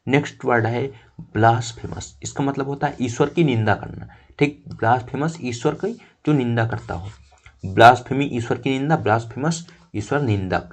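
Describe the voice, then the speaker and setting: A man's voice: medium pitch, moderate pace. A man teaching an exam-prep vocabulary lesson, explaining each word step by step and checking in with the class as he goes.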